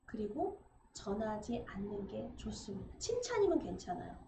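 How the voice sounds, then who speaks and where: A woman pastor preaching a sermon in an animated way, acting out quoted conversations. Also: medium pitch, moderate pace. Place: church sanctuary. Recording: echoey church room, dull sound, faint noise.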